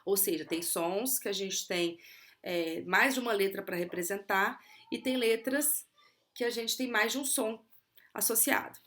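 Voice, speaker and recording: A Brazilian Portuguese woman explaining auditory attention exercises for children in a clear, teacherly way, slowing down to model words. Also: mid-range voice, a bit bright. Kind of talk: explanatory video lesson.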